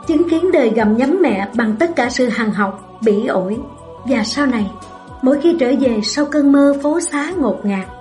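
A woman reading a first-person story aloud in a slow, melancholy way. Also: high-pitched, a little mellow.

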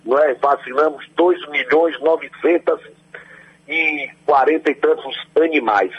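Male, slightly high and very raspy, formal interviewee explaining things patiently on a muffled telephone. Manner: measured, courteous, explanatory, often addressing the host by name. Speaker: government agency official being interviewed. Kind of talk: formal radio interview answers. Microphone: phone call into a radio programme. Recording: muffled, dull telephone line.

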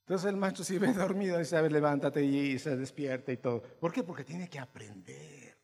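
A male pastor preaching to his congregation, asking them questions and swinging between quiet asides and loud, emphatic bursts. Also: fairly high pitch, normal speed, vocal fry, slightly rough. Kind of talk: sermon. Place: church hall. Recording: long hall reverb.

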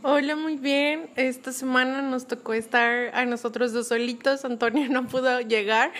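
Woman, Mexican accent, slightly high voice, podcast co-host, casual gossipy chat. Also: fairly even intonation, moderate pace, fairly bright tone, slight background noise.

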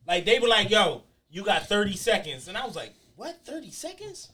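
Male podcast co-host, frat-bro type: crude slang, high-pitched voice, swooping delivery, storyteller who acts out every quote. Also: animated, a little fast, sharp tone, breathy edge. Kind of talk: casual comedic banter with friends.

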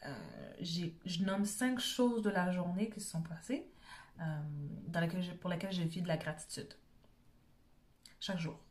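A woman's voice: on the low side, very animated, moderate pace. A woman with a Quebec French accent giving an informal motivational talk as a self-help coach, conversational and often checking in with short tag questions.

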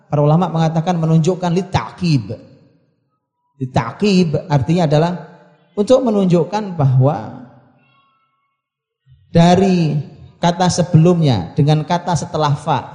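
A man preaching a sermon on Quranic Arabic, repeating his phrases, asking listeners rhetorical questions and reciting verses slowly between his explanations. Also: a little high, mellow. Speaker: Islamic preacher. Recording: echoey hall with long reverb.

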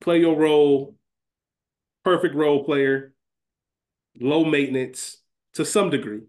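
This podcast co-host speaks slowly in a slightly high, somewhat mellow voice with fairly even intonation. His talk is loose and slangy, sprinkled with swearing, during a casual fantasy draft discussion of a TV show.

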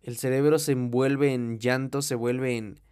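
A man's voice: mid-range voice, steady tone, measured pace, a little mellow, smooth. A young man with a Mexican accent giving a blunt, profane motivational monologue straight to the listener. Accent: Mexican Spanish. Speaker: motivational speaker.

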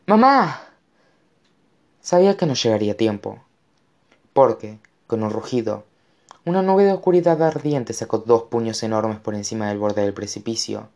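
A man's voice: on the low side, normal speed, mellow. Guy reading an audiobook, dramatic storyteller vibe. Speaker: audiobook narrator. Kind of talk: scripted narration.

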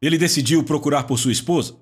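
A man preaching a sermon in an animated style, mocking the way people pray and rising to shouts. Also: a little high, quick pace, slightly rough.

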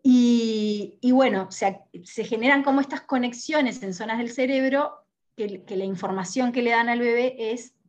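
A woman's voice: on the high side, normal speed, muffled recording. A woman, a lactation educator giving an earnest teaching talk and often ending points with a questioning tag. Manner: earnest, steady explaining, frequent questioning tags.

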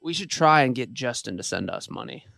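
A man's voice: medium pitch, lively intonation, fairly quick, gravelly, fairly bright tone, dry recording, studio quality. A man co-hosting a podcast, joking playfully in casual chat.

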